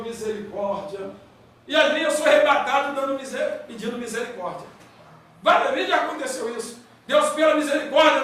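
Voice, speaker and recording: A middle-aged man with a Brazilian accent, a pastor preaching a loud, fervent evangelical sermon full of folksy stories. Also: very high-pitched. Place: church hall. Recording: echoey church hall, mic far off.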